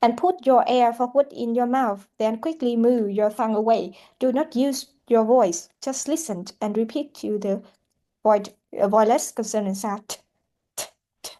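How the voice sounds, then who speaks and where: A woman teaching a pronunciation lesson, speaking haltingly with many fillers and repeated words. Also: on the high side, warm tone. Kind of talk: classroom lesson explanation.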